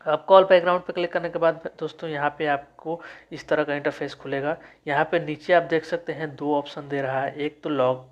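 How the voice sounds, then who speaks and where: A man talks through a phone's call settings step by step, in a slightly high voice. He reads each menu label out slowly and often stops to correct himself. The voice-over sounds dull and lo-fi. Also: steady tone. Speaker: tech tutorial host. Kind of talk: screen-recorded phone settings walkthrough.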